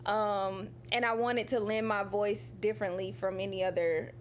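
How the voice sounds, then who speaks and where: A singer-songwriter chats casually in an interview, animated and laughing often as she acts out her own quotes and stretches out fillers like "you know" and "um." Her voice is medium-pitched, with a little hiss or hum on the recording.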